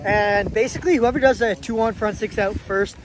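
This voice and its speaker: Out on a ski hill, a young man who hosts a vlog and skis jokes around in casual, slangy commentary. He sounds high-pitched and brisk, a young adult. Wind noise fills the outdoor phone recording.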